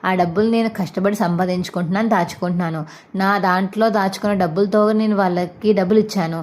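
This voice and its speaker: A woman's voice: medium pitch, steady tone, fast, darkish tone, close to an everyday voice. A woman voicing a firm, outspoken young daughter-in-law who argues indignantly.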